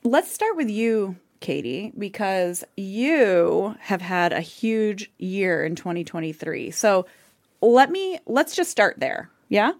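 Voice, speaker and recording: A woman's voice: mid-range voice, sing-song, takes it slowly, no room sound, clean studio sound. A woman hosting a podcast in casual chat, upbeat and chatty with lots of "like". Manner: upbeat, chatty, many likes. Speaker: podcast host.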